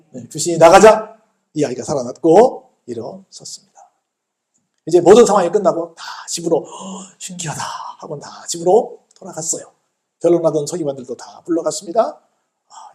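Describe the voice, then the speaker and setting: Pastor guy preaching in church, high voice, lively, keeps asking the congregation questions. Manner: animated, asks the congregation many questions. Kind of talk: sermon.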